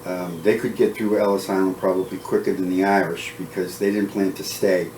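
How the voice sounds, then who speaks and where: Low-voiced man interviewing in a roomy space. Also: level tone, fairly quick, a little mellow, a little hiss or hum. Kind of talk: casual conversational interviewing. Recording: roomy, distant mic.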